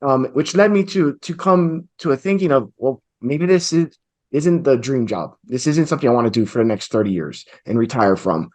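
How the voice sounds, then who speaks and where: A man's voice: medium pitch, expressive, moderate pace, a little mellow. A man in his forties from Hawaii, a real estate investor telling his story earnestly and reflectively over a video call. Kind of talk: storytelling interview answer. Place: home office with bookshelves.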